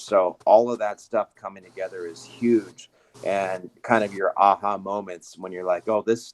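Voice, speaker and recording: A dog trainer with a fairly low voice tells his field stories in a loose, rambling way, stopping for ums and starting his sentences over. He talks like a guest in a casual chat. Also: a little hiss or hum. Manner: relaxed, rambling, many fillers and restarts. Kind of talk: casual podcast storytelling.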